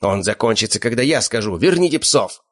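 A man voicing a fat, enraged dog-fight owner who yells insults. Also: on the low side, expressive, brisk, pitched above the performer's own voice. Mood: furious. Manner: yelling, spitting insults.

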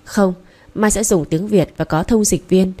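A woman reading the lines of a calm, patient young man who tutors and explains things step by step, in an audiobook. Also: mid-range voice, unhurried, close to an everyday voice. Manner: patient, instructive.

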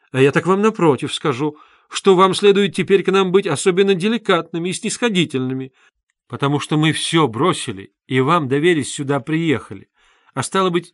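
A man's voice: a little high, a bit bright, no echo, studio quality. A man voicing a proud, indignant middle-aged mother who scolds shrilly in an audiobook reading.

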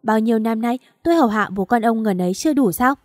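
A woman's voice: animated, fast, darkish tone, no echo, studio quality, close to an everyday voice. A woman reading an audiobook and voicing a bitter, shrewish older woman who shrieks accusations. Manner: shrill, wailing accusations.

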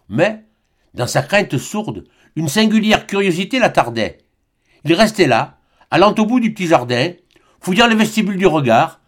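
A man narrating a classic novel as an audiobook in a calm, measured way. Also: on the high side. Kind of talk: literary audiobook reading.

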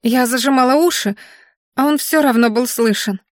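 A high, quavering young girl's voice begging for mercy, as a woman reader puts her on. She stammers and whimpers, close and dry, with no room around her. Her pitch jumps well above the reader's own voice. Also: normal speed, no echo, lightly acted. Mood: frightened. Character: frightened young girl pleading, tearful. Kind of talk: audiobook character voice.

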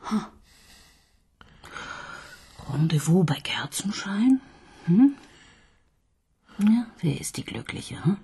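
Taking her time and pausing often, a woman performs a coaxing, ironic police inspector for a radio play in a sing-song, medium-pitched voice that is mellow and breathy. The heavily acted role teases and mocks, often slipping into whispers.

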